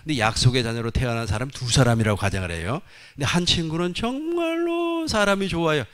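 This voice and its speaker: A man's voice: on the high side, expressive, a little fast, a bit bright. A man preaching a sermon, repeating his points emphatically and dropping folksy asides.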